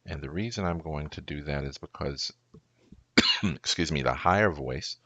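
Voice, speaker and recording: A man, a pastor, walking through an audio recording tutorial in a slow, deliberate way, thinking aloud step by step. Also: very deep voice, pushed and bright, dry recording, lo-fi sound.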